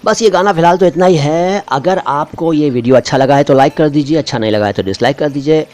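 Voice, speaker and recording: A middle-aged man giving a pronunciation lesson as a language teacher, explaining words slowly and carefully one at a time. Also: on the high side, a little mellow. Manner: slow, careful word-by-word explanation.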